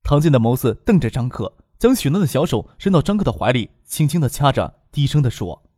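A male narrator tells a novel with expressive storytelling, his intonation rising and falling in a lively way. The recording is dry and close, with no room sound. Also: medium pitch, brisk, slightly rough, dry recording. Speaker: audiobook narrator.

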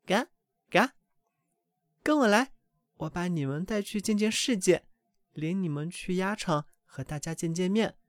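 A man voicing a doting, fussy mother duck in a storybook reading, with a high, excited, scolding voice. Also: a little slow, long pauses, no echo, clean studio sound. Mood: proud.

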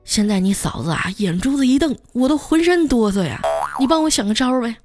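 A woman's voice: high-pitched, expressive, fairly quick, over music, pitched above the performer's own voice. A woman voicing a timid, henpecked young man who whines and stammers. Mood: sheepish. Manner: whiny and sheepish.

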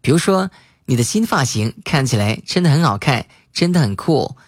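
A man teaching English vocabulary, spelling words letter by letter and repeating example sentences slowly. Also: medium pitch, big pitch swings, dry recording, studio quality. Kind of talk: spoken English lesson.

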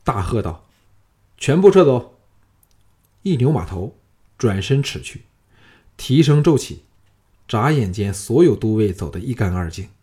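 A man narrating a martial-arts novel as an audiobook with steady storytelling. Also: on the low side, moderate pace.

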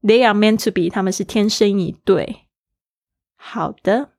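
A woman's voice: mid-range voice, measured pace, darkish tone, no echo. Woman, English teacher, explains and repeats words, spells letter by letter, dry recording. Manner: mixes English phrases into her explanations. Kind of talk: online English lesson, explaining vocabulary.

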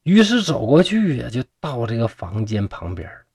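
A man's voice: mid-range voice, huge pitch swings, normal speed, gravelly, a little mellow, breathy edge, no echo, studio quality. A man from Shenyang with a Northeastern Mandarin accent, telling a classic tale in a chatty, folksy manner with colloquial asides. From Shenyang, Liaoning, China. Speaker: storyteller host. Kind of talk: humorous storytelling podcast.

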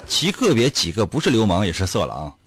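A man hosting a radio show, reading listener messages and teasing them in lively storytelling. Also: fairly low pitch, heavy background noise. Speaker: radio host. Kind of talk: late-night call-in radio chat. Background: loud background music.

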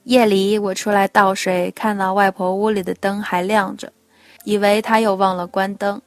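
A woman narrating a personal love story aloud in a soft, intimate storytelling manner. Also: medium pitch, flat delivery, normal speed, dry recording. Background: faint background music.

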